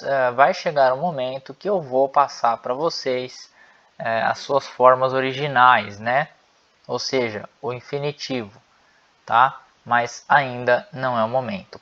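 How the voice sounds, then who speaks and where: A man teaching an online language lesson, speaking slowly and deliberately and repeating each word for learners. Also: medium pitch, fairly bright tone. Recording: dull lo-fi audio.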